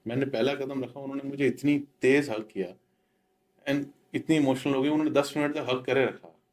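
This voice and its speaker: A middle-aged man with a medium-pitched voice speaks at a normal speed, earnestly sharing a devotional story as a devotee recounting his experience. His spoken testimony mixes in English words.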